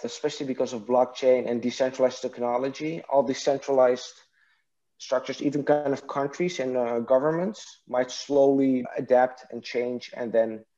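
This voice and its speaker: A man's voice: mid-range voice, warm tone, muffled recording. A man from Iraq, a guest answering interview questions in a thoughtful, hesitant way with frequent restarts. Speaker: guest, partnerships and marketing executive.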